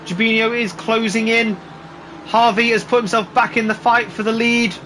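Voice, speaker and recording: A man doing live motorsport commentary, calling the race play by play in an excitable, exclaiming way. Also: extremely high pitch, normal speed, slight background noise. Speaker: motorsport commentator on a sim racing broadcast.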